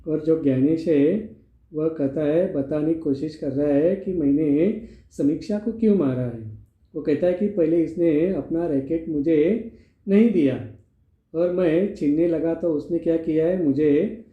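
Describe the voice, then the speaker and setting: Brief: patient male teacher, slow and methodical, phone-like sound in an echoey room. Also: a little high. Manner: explains step by step, asks and answers his own questions. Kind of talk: classroom lesson explaining a play.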